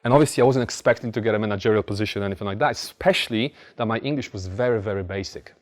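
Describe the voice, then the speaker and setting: A Polish man with a Polish accent gives a blunt, informal motivational talk to a live audience, speaking very fast in a fairly low voice. He tells stories and hammers points home through repetition.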